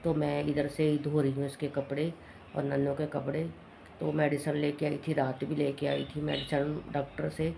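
Hoarse woman rambling through her day. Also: deep voice, monotone, moderate pace, warm tone, slight background noise. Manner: rambling, matter-of-fact. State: hoarse, recovering from a cough. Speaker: vlogger. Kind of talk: casual home vlog chat.

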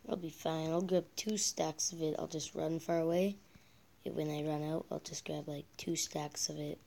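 A man's voice: a little high, flat delivery, normal speed, creaky, mellow. A male gameplay vlogger chatting casually while he builds, often muttering and half-whispering as he counts blocks under his breath, with rambling asides.

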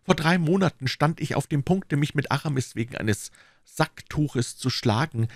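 An impulsive young nobleman, ardent and earnest, pressing his case with feeling, as a man reads him. His voice rises and falls in a lively way, recorded close and dry. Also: fairly high pitch, moderate pace, no echo, voice pushed up. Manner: earnest, heartfelt, rising to emphasis. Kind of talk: audiobook reading.

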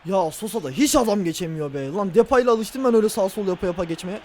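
A man playing a football video game and reacting out loud, groaning and shouting at the referee and his players. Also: high voice, animated, fast talker. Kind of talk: casual let's-play reaction.

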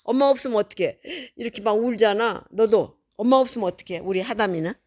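A woman's voice: medium pitch, quick pace, a little mellow. An older woman, a grandmother, reading a picture book aloud to a small child in a playful, coaxing way, imitating animal sounds.

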